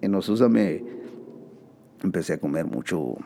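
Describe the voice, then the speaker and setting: A man's voice: sits low, animated, normal speed, vocal fry, warm tone, slight background noise. A man hosting a joking casual monologue, laughing often and dropping slang and English words. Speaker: host.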